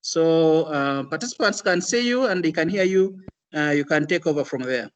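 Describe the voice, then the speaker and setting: A man moderating an online session, introducing it in a halting, formal way. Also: on the high side, animated.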